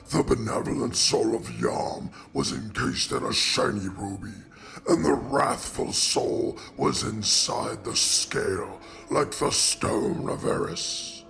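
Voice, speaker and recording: A man voicing a gravelly ancient oracle. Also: medium pitch, fairly bright tone, exaggerated voice. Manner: slow, grave storytelling cadence. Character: solemn ancient godlike oracle speaking as we. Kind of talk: amateur fantasy audio drama.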